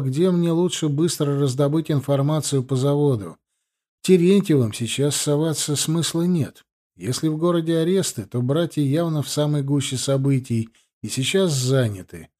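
A man with a mellow, warm voice reads a novel aloud in a steady, measured way. His delivery is even-handed scripted audiobook narration. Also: fairly high pitch. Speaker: audiobook reader.

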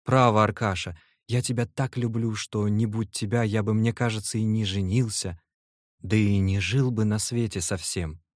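A man's voice: fairly low pitch, steady tone, normal speed, no room sound, studio quality, lightly acted. A man voicing a sensitive young man who talks in an earnest, heartfelt, pleading way, in an audiobook reading.

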